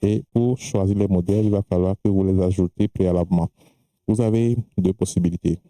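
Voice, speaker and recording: A man presenting a screen-recorded software tutorial, talking hesitantly with many fillers and restarts, not a native French speaker. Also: low voice, fairly even intonation, brisk, dry recording, poor audio.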